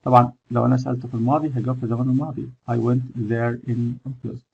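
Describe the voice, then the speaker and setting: A male English teacher with an Egyptian accent works through slides at an even, unhurried pace and pauses often with "uh" between words. His voice is gravelly and a little husky. The recording is dull and lo-fi. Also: mid-range voice. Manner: explains in English and Egyptian Arabic by turns, with many "uh" pauses. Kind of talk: recorded lesson over slides.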